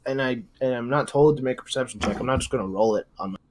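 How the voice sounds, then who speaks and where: A man's voice: medium pitch, rapid-fire, a little hiss or hum. A man playing a tabletop game, talking in a casual, self-deprecating way with frequent swearing. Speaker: player.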